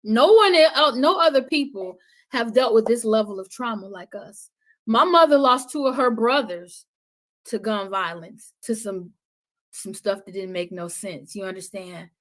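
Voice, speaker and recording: A fairly high, somewhat bright female voice at a moderate pace belongs to a podcast guest talking about love and healing. It's an impassioned conversational testimony with a preaching cadence, emphatic and full of sermon-like repeated phrases for weight.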